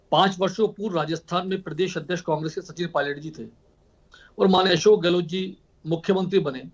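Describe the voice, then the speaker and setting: Forceful high-voiced male debater. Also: dull audio. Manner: forceful, repetitive rhetorical speech. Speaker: party spokesperson in a TV debate. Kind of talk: heated political debate.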